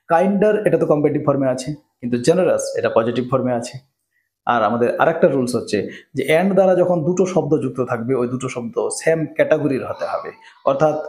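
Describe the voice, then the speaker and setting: A man teaching English grammar for exam preparation, explaining each option step by step, often checking in with "right?", and reading example sentences slowly. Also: on the high side, darkish tone, echoey room. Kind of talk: exam-prep grammar lesson.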